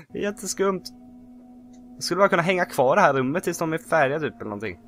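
A man giving casual, excitable gameplay commentary who yelps and shouts when he panics. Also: a little high. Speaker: let's play host.

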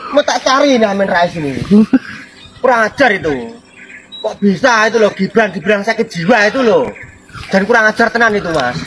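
A man's voice: high voice, animated, brisk, a bit bright. A young man with a Java accent, ranting comically in an indignant, repetitive way. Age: young adult. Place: outdoors in a yard and overgrown garden. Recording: noisy outdoor phone clips.

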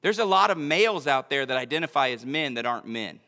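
A man in his thirties preaching a sermon as pastor in a church, emphatic, rising to shouts and falling to a hush. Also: mid-range voice, animated, fast talker. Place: church sanctuary.

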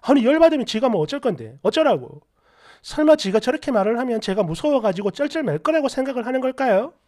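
A woman's voice: on the high side, big pitch swings, fast, a little mellow. A woman in her thirties narrating a first-person story, indignant and sarcastic.

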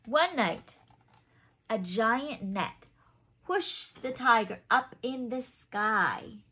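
A thirties-aged woman reads a picture book to kids with plenty of expression, adding little questioning asides along the way. Her pitch is fairly high, her intonation lively, and she draws out her words in a sharp, breathy tone. The setting is a small room indoors at home.

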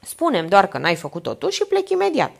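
A woman voicing an older aunt, worldly and smoothly polite, who presses with coaxing, insistent questions in an audiobook reading. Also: mid-range voice, huge pitch swings, pitched above the performer's own voice, heavily acted. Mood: pressing.

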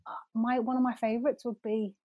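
A woman's voice: fairly high pitch, flat delivery, fairly quick, warm tone, no room sound, highs cut off. A woman in her forties with a Scouse accent, a podcast guest chatting casually and laughing often. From Liverpool, England. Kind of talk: casual chat.

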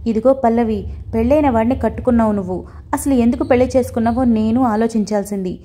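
A woman's voice: on the high side, steady tone, quick pace, mellow, slightly rough. A woman voicing a spiteful, jealous scheming woman in an audio story, taunting and scornful.

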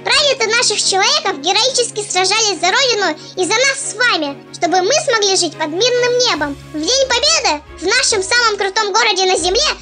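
A performer voicing a cocky, playful young husky puppy as a cartoon dog narrating a vlog, in a pitched-up voice. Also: animated, a little fast, few pauses. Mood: proud, earnest. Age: puppy under a year. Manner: cartoon dog voice, boastful, cutesy slang. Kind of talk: scripted vlog narration in character. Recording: music playing behind the voice.

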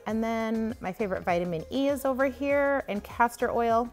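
A woman with a voice on the high side, speaking at a moderate pace, vlogs her shopping as a grocery haul tour and enthusiastically raves about the products. The recording comes from a handheld phone behind the camera, with store ambience and faint music audible.

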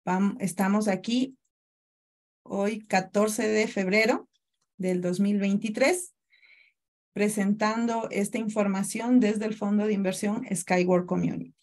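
A woman's voice: medium pitch, steady tone, unhurried, a little mellow. A woman from Ecuador in her thirties presents a webinar over a video call, speaking courteously and explaining step by step. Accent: Ecuadorian Spanish. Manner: courteous, greets attendees by name, explanatory. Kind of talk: online presentation.

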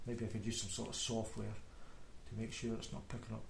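A low-voiced man with a broad Scottish accent talks casually and a bit haltingly, as in a homemade vlog. His voice has a clear creak to it. The room is audibly echoey around him. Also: little pitch movement. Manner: rambling, hesitant, self-deprecating. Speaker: beginner painter making video diary. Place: indoor room at a table. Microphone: microphone, off camera. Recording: roomy echo, background noise, clicks.

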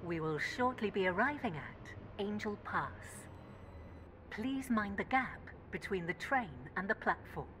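A woman giving automated onboard train announcements made of spliced-together recorded words. Her delivery is steady and formal, with abrupt pitch jumps on station names. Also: a little slow, background noise. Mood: announcing.

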